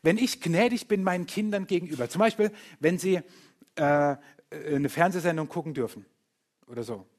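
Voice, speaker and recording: Speaking at normal speed in a somewhat high voice, a pastor gives a lively sermon. He playfully performs other people's voices and jokes with the listeners in the pews.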